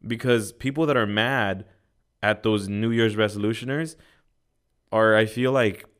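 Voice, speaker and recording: A man's voice: fairly low pitch, fairly even intonation, a little slow, a bit bright, clear, resonant tone. A man in casual podcast chat, emphatic and full of "like", with some swearing. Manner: emphatic, frequent filler "like", occasional swearing. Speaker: podcast co-host.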